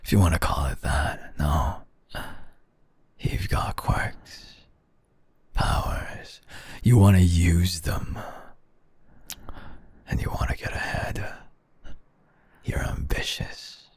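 A man voicing a scornful young male villain who taunts in a breathy, gravelly whisper, in a fan audio roleplay. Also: sits low, no room sound, heavily acted. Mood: menacing. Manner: taunting, drawn-out, hushed close to the listener.

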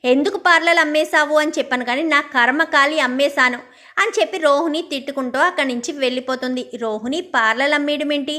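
A woman's voice: sits high, fast, pushed and bright. A woman casually retelling a serial episode, narrating and quoting each character in her own voice. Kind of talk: casual spoken story recap.

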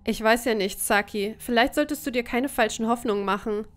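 A woman's voice: fairly high pitch, fairly quick, a bit bright, natural voice. Woman voicing a skeptical young man companion in a horror game, worried and doubtful.

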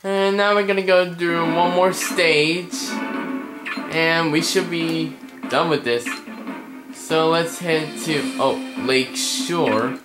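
Young male let's player, slightly high voice, unhurried delivery, prone to yelling at the game. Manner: excitable, yells at the game when frustrated. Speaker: gameplay commentator. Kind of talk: let's play commentary. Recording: echoey room with game music behind. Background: game music.

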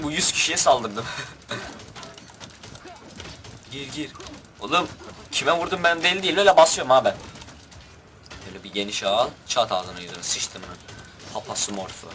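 Bright-voiced young gaming guy, excitable. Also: mid-range voice, a little hiss or hum. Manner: excitable, crude, shouts orders at his troops. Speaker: gaming youtuber. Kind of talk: gameplay commentary.

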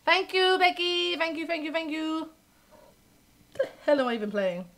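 A woman streamer giving animated, exasperated running commentary while playing a card game live, with sing-song thanks to followers. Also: very high-pitched, normal speed, low-quality recording.

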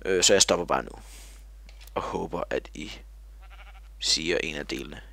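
Low, gravelly man rambling over gameplay. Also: bright, forceful tone, no echo. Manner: rambling and silly, full of fillers. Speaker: gamer. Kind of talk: video game commentary.

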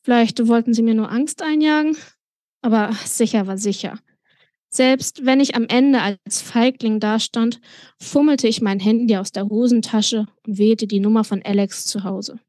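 A woman author reading from her own novel in a calm, even narrating voice. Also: a little high, normal speed, no room sound. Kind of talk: audiobook-style reading. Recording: dry close recording.

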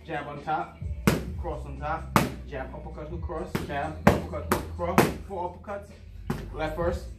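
Male boxing trainer, higher-set voice, terse encouraging calls over glove hits, recorded at a distance in a gym. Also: steady tone, unhurried. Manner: clipped, repetitive, encouraging commands amid physical exertion; calling out while taking punches on mitts. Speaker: boxing coach. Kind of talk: calling pad-work drills in short commands. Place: large indoor boxing gym. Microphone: far camera. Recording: roomy gym, distant mic, loud music behind. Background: loud music, thuds of punches on mitts.

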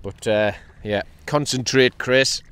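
A man's voice: medium pitch, slow, clear, resonant tone, dry recording. Chatty man fishing from a kayak. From North East England. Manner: chatty and upbeat, with excited bursts when a fish is hooked. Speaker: kayak angler. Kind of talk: casual fishing vlog commentary. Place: on a kayak out at sea, outdoors. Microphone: action camera mounted on the kayak.

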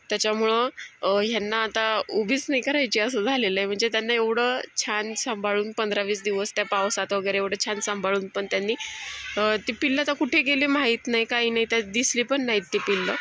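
A woman's voice: mid-range voice, fairly bright tone. A woman vlogging casually at home, rambling with fillers and self-corrections. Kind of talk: casual home vlog chat. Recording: noisy home recording.

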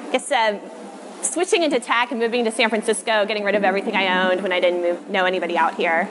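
Her mid-range voice moves quickly as she offers short, considered replies in a casual quick-question interview. The interviewee is a machine learning researcher in her thirties, an American from Texas. Outdoor city noise surrounds the covered walkway where it's recorded.

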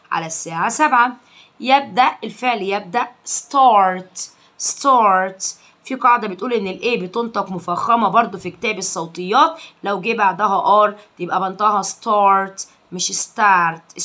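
Egyptian woman, young, English teacher for kids, bright tone, repeats each word slowly and loudly. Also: medium pitch. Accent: Egyptian Arabic. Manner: drills English words slowly and loudly after explaining in Arabic. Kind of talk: vocabulary lesson for children.

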